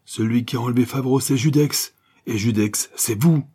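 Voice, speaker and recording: A man voicing a scheming baron who shouts accusations. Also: mid-range voice, moderate pace, slightly rough, pitched above the performer's own voice, close to an everyday voice. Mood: accusing. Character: scheming male baron, accomplice, forceful.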